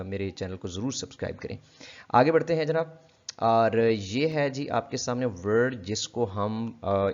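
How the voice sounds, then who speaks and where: A man teaches pronunciation in a relaxed, chatty way, repeating every word patiently for his viewers. His voice sits fairly low. The recording sounds dull and lo-fi. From Pakistan. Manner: repeats words slowly for practice, polite address. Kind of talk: casual spoken lesson. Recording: dull lo-fi audio.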